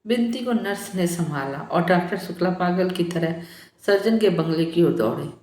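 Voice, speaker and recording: A woman narrating a novel in a calm, measured audiobook reading. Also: fairly low pitch, roomy sound.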